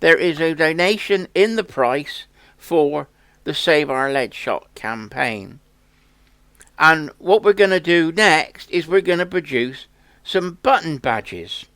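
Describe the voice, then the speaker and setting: A man who hosts a country sports channel makes an earnest, plain-spoken campaign appeal to his viewers. His voice is a little high, expressive, and a bit bright, and he takes it slowly. The room is echoey.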